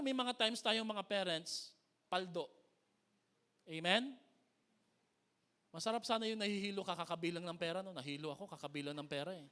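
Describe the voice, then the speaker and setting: A man's voice: sits high, bright, forceful tone. A middle-aged Filipino man preaching a sermon as pastor, mixing Tagalog and English with emphatic calls to the congregation. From Philippines. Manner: switches between Tagalog and English, with emphatic call-and-response. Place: church hall.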